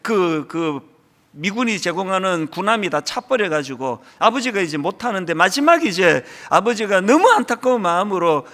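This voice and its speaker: A man's voice: high-pitched, very animated, moderate pace, a bit bright. A middle-aged male pastor preaching a sermon, telling a story and acting out lines with rising emotion. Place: large church sanctuary. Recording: long reverb of a large church hall.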